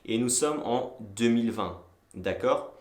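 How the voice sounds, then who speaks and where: A man's voice: medium pitch, lively intonation, measured pace. A man in his twenties from France, casually explaining to the viewer straight on, with frequent hesitations. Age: 20s. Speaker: entrepreneur and video host. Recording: echoey room.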